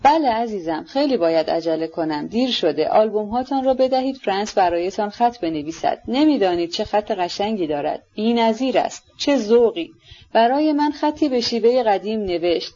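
A woman's voice: medium pitch, lively intonation, dark tone, lightly acted. A woman voicing an elderly general who talks hastily and soothingly to his wife while edging away, on a dull lo-fi recording. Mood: hurried. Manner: hasty, soothing, evasive. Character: hurried, placating elderly general, a husband.

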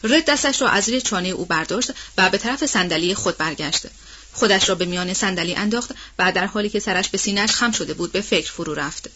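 A woman's voice: medium pitch, sharp tone, husky. Woman reading a novel aloud, muffled. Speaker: audiobook narrator. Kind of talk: scripted novel narration. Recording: dull, muffled audiobook recording.

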